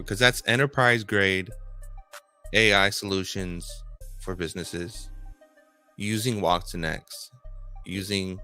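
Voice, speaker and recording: A man's voice: low voice, gravelly, sharp tone. A man hosting a casual group chat about crypto, enthusiastic and rambling, laughing easily.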